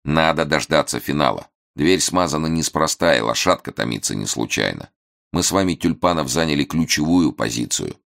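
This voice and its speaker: A self-possessed police chief gives hushed, steady instructions in a storybook reading, voiced by a man. The voice sits extremely deep with a gravelly edge. He speaks softly and never hurries. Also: full character voice. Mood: calm, instructive. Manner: quiet, measured, instructive. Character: calm, composed man, a senior police detective.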